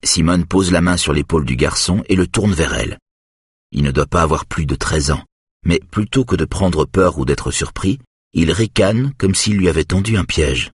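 A man reading a novel aloud in a very low, husky voice. His narration is steady and even. The recording is dry and close, with no room sound. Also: moderate pace, dry recording. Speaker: reader.

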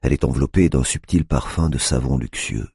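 Very deep, gravelly male narrator. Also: brisk, a little mellow, no echo, clean studio sound. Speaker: audiobook narrator. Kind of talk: scripted narration.

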